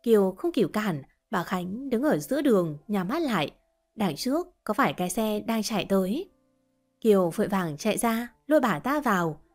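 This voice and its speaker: A woman reading a story as narrator in a steady, expressive way. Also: medium pitch, moderate pace, faint music behind. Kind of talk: scripted audiobook narration.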